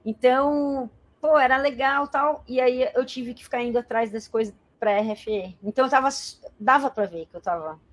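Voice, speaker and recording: A woman in her forties from Brazil, telling a personal story as an interview guest in a colloquial, animated way. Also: sits high, moderate pace, hardly any pauses. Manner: animated, colloquial, acts out quoted voices.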